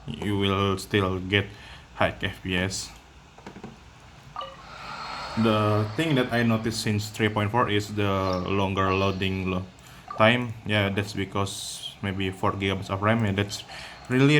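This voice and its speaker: A man giving casual gameplay commentary from home, talking in a halting way with loose phrasing and many pauses. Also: fairly low pitch, a bit bright. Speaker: gameplay video maker. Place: at home with a cat nearby. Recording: noisy background hiss.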